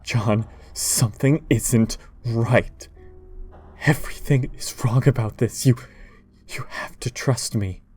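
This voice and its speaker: Scared young woman, stammering and insistent, put on by a male narrator, raised pitch. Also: slow pace, a little mellow, faint music behind. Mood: frightened. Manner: stammering, pleading.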